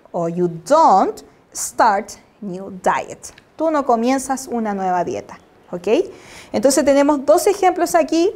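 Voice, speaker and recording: A woman's voice: high-pitched, darkish tone. A woman teaching an English lesson, patiently checking understanding and spelling out examples before translating them. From Chile. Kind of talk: slide-based classroom lesson.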